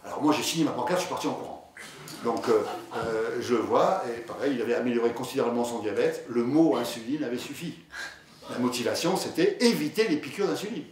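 In a lecture hall, a diabetologist lectures conversationally at a conference, his mid-range voice brisk with lively intonation, though hesitant with fillers and restarts as he tells patient anecdotes. The hall echoes, the mic is distant, and there's faint noise.

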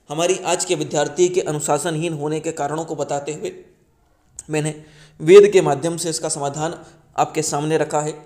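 A man's voice: fairly high pitch, a little mellow. A man hosting a channel, reading a book preface aloud in earnest with small slips and restarts.

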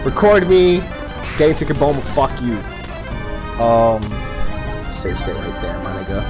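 Music plays under this man's medium-pitched, sing-song voice, which takes its time. He's commenting off the cuff on a video game he's playing, rambling, cursing and frequently laughing.

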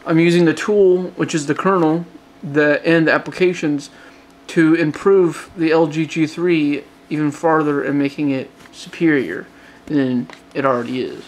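A man's voice: fairly high pitch, fairly even intonation, moderate pace, hardly any pauses, slight background noise. Rambling Southern man, late-night update. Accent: Southern US, Georgia. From Georgia, US. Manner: rambling, frequent restarts and fillers. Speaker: hobbyist phone modder. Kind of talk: casual vlog update.

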